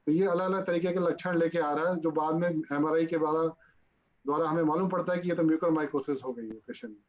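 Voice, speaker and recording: A man's voice: fairly high pitch, steady tone, fast talker. A male doctor answering interview questions, patiently explaining technical medical details. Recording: dull lo-fi audio.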